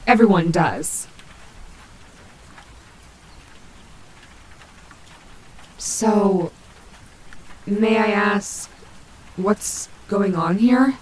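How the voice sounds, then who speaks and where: A woman's voice: mid-range voice, extremely slow, darkish tone, low-quality recording. A woman playing a female animatronic wolf in an audio roleplay, vain and sassy but protective and maternal, talking casually. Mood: gentle, reassuring. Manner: sassy, casual, swearing, muttering asides to herself. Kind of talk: character audio roleplay, speaking to listener. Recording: heavy rain and thunder noise behind. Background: rainstorm sound effects.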